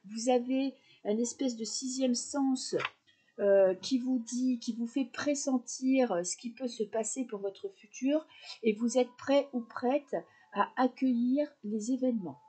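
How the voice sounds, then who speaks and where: A woman chats through a tarot reading, speaking directly to her viewers and pausing on fillers as she thinks. Her voice sits fairly high but sounds dark and mellow. There is a husky grain to it. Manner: chatty, addresses viewers directly, many fillers. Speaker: tarot reader.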